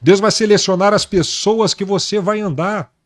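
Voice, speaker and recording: A male pastor giving his personal testimony in an interview, speaking earnestly and slowly with emphatic repetition. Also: high voice, steady tone. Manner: earnest, slow and emphatic, repeating words for weight.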